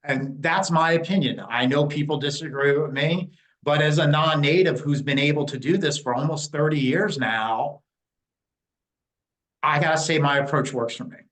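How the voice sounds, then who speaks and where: A man in his fifties from New Jersey, speaking frankly and bluntly in an interview. His voice sits a bit high for a man, and he pads his points with "um" and "you know". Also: moderate pace, a bit bright, low-quality recording. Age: 50s. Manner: blunt and opinionated, with frequent fillers. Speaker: interview guest, Native community liaison. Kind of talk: candid conversational interview.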